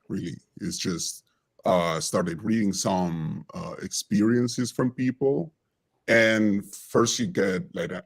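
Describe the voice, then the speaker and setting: A man speaking through a deep pitch-shifting voice changer as an anonymous guest on a remote audio-only call, talking in a halting, hesitant way with many restarts. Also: vocal fry, husky. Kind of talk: casual livestream chat.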